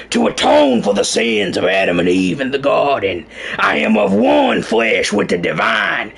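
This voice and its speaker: A man putting on the voice of a grandiose male preacher who claims to be a messiah, proclaiming slowly and loudly. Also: gravelly, husky, full character voice. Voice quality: booming, slow, proclamatory.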